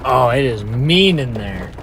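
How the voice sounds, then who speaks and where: A man's voice: medium pitch, animated, unhurried, a bit bright. A man giving casual, urgent live storm-chasing commentary, watchful and repeating himself as he speaks to his viewers. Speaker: storm chaser livestreamer. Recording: clear vehicle and ambient noise. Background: vehicle and outdoor ambient noise.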